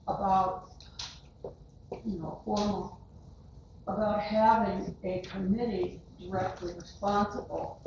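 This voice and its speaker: A woman resident speaking at public comment, hesitant and pausing between phrases. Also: medium pitch, muffled recording. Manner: hesitant, with pauses. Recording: distant echoey room, noisy.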